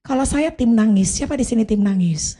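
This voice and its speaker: A woman's voice: a little high, expressive, brisk, warm tone. A woman pastor preaching a sermon in a church service hall, emphatic and leading the congregation to repeat phrases after her.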